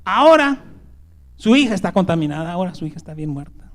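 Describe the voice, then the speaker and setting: A pastor with a notably high voice preaches a sermon. His delivery swings from loud, stressed phrases to near-whispers. He often repeats himself and checks in with the congregation with "¿verdad?". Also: very animated, quick pace. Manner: swings between loud emphasis and hushed whispers; repeats words and tags lines with "¿verdad?".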